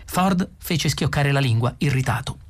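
A man reading a novel aloud as an audiobook narrator, in steady, measured storytelling. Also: medium pitch. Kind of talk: scripted narration.

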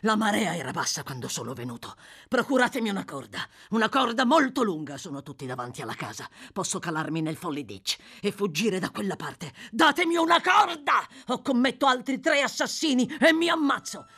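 A woman reading an audiobook voices a desperate, brutal male murderer on the run, growling low and breaking into furious shouts. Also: big pitch swings, brisk, slightly rough, full character voice. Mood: desperate shouting.

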